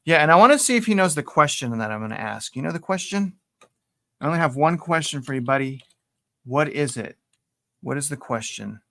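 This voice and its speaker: Male live-stream host, playful and teasing, slightly higher voice. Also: animated, brisk, creaky. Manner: playful, teasing, shouts out viewers. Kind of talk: casual live-stream chat.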